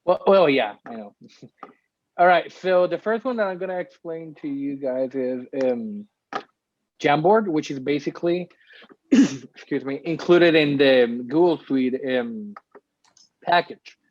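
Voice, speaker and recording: A man's voice: fairly high pitch, lively intonation, a little slow, dry recording. Man demoing a tool over a video call. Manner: explains step by step with frequent ums. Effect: heard over a video call. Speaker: workshop presenter. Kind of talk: screen-share tutorial walkthrough. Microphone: computer mic on a video call. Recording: dull, dry video-call audio.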